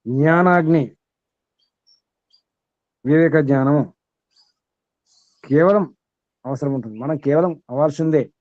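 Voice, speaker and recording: A man with a fairly high voice leads a spiritual discourse as a teacher. He quizzes his listeners, repeats his key words, and lets out a chuckle between points. The recording is dry and a little dull. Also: warm tone, no room sound. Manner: repeats key words and asks the audience rhetorical questions. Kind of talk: question-and-answer spiritual discourse.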